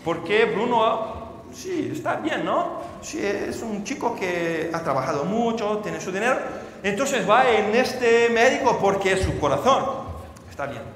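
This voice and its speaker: A man preaching a sermon as a story, often checking in with the audience through quick questions and halting restarts. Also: sits high, big pitch swings, a bit bright, a little hiss or hum. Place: church hall. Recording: reverberant church hall.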